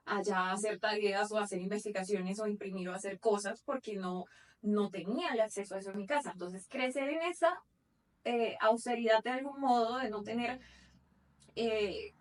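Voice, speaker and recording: A woman in her thirties co-hosts a podcast, chatting casually in a reflective, earnest manner and talking at length while correcting herself. Her medium-pitched voice moves a little fast and sounds picked up by a distant mic.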